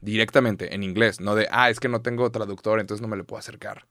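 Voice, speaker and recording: A man's voice: on the low side, fairly even intonation, quick pace, a bit bright, no room sound, clean studio sound. Slangy, emphatic Mexican man. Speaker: podcast co-host. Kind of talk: casual chat.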